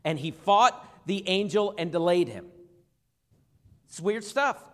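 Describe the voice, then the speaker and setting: A man's voice: high-pitched, lively intonation, takes it slowly. A male pastor preaching a Bible-teaching sermon in a conversational way, with humorous asides to the congregation. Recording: long reverb of a large hall.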